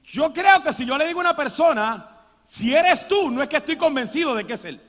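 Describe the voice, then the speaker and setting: High-voiced pastor preaching. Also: male voice, expressive, fast talker, soft background music. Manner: preaching with sudden loud dramatic outbursts. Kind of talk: sermon. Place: church sanctuary. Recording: long church hall reverb.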